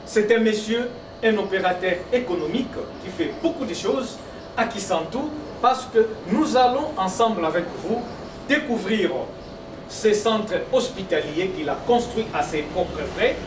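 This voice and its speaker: A man presents a report in a formal tone and speaks straight to the audience. He sounds far from the mic in an echoey space. Clear background noise runs under his voice. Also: high-pitched, expressive, a little slow. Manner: formal, addresses the audience directly. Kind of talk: report introduction.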